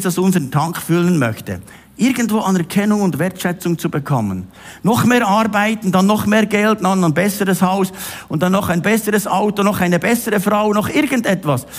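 A middle-aged man preaching a sermon, addressing the listener directly and with emphasis. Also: sits high.

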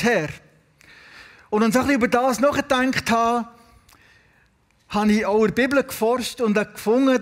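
A man with a Swiss German accent preaches a sermon, his voice sitting high for a man. He tells the stories in a lively way and turns to the congregation with questions. A long reverb from the hall trails after each phrase. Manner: storytelling, asks the congregation questions.

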